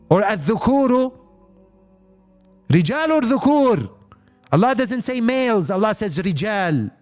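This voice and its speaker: A man speaking with fervour on a live stream, firing off rhetorical questions and sliding between English and Arabic phrases. His voice sits a little high for a man, and soft music plays faintly behind him. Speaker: Islamic speaker. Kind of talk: live-stream talk answering viewer comments.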